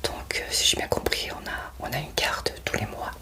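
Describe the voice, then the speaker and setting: An ASMR creator whispers through a gentle role-play unboxing, gushing over a gift box in halting speech full of fillers.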